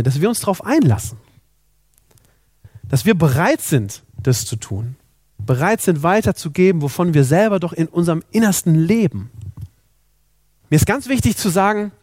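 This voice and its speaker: A man's voice: high-pitched, a little mellow, dry recording, studio quality. A man preaching a sermon, earnest, asking the congregation rhetorical questions.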